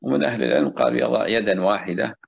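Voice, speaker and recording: Gravelly low-voiced man teaching a text. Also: big pitch swings. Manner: repeats phrases and pauses with fillers while explaining. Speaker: religious teacher. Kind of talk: classroom lecture explaining a text.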